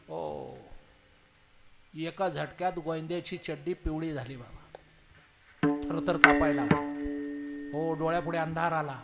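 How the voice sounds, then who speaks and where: A man preaching at a kirtan, telling a story in an animated way and punctuating it with frequent affirming interjections. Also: a little high. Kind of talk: devotional storytelling sermon.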